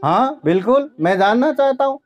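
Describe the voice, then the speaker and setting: A man's voice: very high-pitched, animated, moderate pace, dull audio. A man voicing an indignant male brahmin who complains and demands answers in a raised voice. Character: angry indignant male brahmin, middle-aged.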